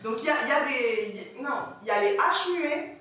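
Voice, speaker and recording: A woman French teacher giving an animated lecture on pronunciation, checking in with her audience as she goes. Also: sits high, a little fast. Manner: animated, corrects pronunciation, asks the audience questions. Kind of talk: lively classroom lecture. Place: lecture hall. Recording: echoey hall from far off, faint hiss.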